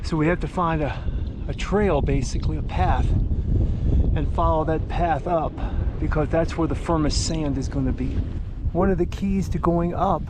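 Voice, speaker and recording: A man's voice: a little high, moderate pace. A man narrating a hiking vlog as he climbs sand dunes, talking plainly and getting out of breath. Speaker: vlogger. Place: outdoors on windy sand dunes. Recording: loud wind noise on the camera mic.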